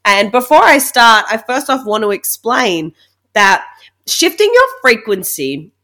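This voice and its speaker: A woman's voice: a little high, very animated, measured pace, sharp tone. A woman in her thirties hosting a casual solo podcast as a coach, chatty and emphatic, sounding nasal and congested from a blocked nose. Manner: chatty, informal, emphatic with check-in tags like "right?". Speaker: podcast host and money mindset coach.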